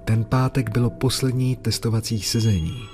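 A man's voice: mid-range voice, fairly even intonation, darkish tone. A man narrating a scripted horror story, occasionally raising his voice for the characters' lines. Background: faint music.

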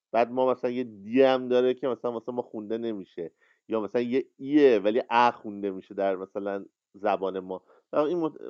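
A man's voice: fairly low pitch, clean tone, no echo. Hesitant man, dull online audio. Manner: rambling, hesitant, many fillers. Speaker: workshop host. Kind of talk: casual lecture on a live audio chat.

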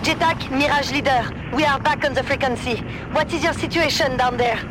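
Une comédienne qui joue une femme pilote de chasse, cheffe de patrouille, parlant par radio casque dans le cockpit avec un ton net de procédure radio. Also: female voice, sits high, moderate pace, noisy background. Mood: tense. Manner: crisp clipped radio procedure talk. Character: woman fighter pilot, calm patrol leader. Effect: pilot talking over a cockpit headset radio.

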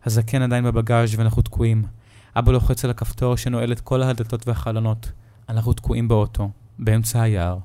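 A man narrating a scripted horror story in the first person, steady and measured. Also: mid-range voice.

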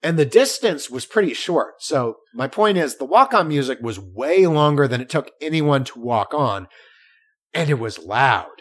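A man talks on a podcast in a relaxed, conversational way. His pitch swings widely as he tells the story, and he often stops and restarts his sentences. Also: moderate pace. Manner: animated storytelling with frequent restarts. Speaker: podcast co-host. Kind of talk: casual chat.

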